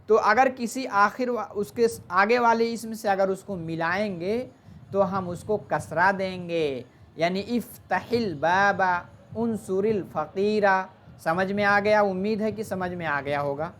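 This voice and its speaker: A grammar teacher at an ordinary middle pitch, talking through an online lesson. The teacher keeps posing questions to the class and then answering them, slipping English words into the explanations. A faint hiss runs under the voice. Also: a bit bright. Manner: explains slowly, mixing in English terms.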